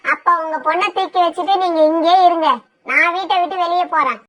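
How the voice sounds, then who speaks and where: A scheming, vain female sparrow from a cartoon, voiced by a woman, cold and bossy in every word. Her voice sits very high and sounds bright and sharp. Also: steady tone, a little fast. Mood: haughty. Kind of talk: cartoon voice acting.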